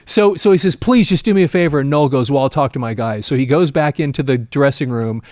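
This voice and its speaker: A man with a mid-range voice speaks at a quick pace in a dry, studio-quality recording. Hosting a show, he tells his audience a story casually and animatedly, acting out the quoted dialogue as he goes.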